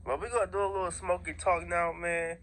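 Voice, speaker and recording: An American man with a moderately high-pitched voice talks casually to his online viewers. He rambles through his opinions in loose, heavy slang, regularly checking that they are following along. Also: level tone, fairly quick, a bit bright. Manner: slangy, repeatedly seeking agreement with listeners. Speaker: online video host.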